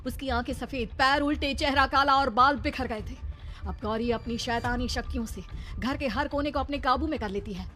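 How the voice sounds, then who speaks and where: A woman's voice: high voice, brisk, pushed and bright. A woman narrating a horror cartoon story in a dramatic storytelling manner. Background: music.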